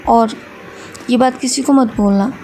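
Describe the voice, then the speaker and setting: A woman doing a shy young college girl who halts and trails off. Her voice is high and gravelly, with a dark, mellow tone. It is read for a fan storybook. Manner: hesitant, halting. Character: shy tearful young female college student.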